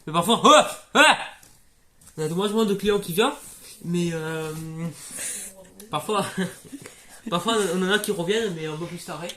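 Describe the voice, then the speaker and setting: A young man voicing a baker with Tourette's in an amateur comedy sketch, breaking off into sudden shouted tics and laughs. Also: sits high, moderate pace, close to an everyday voice. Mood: blurting.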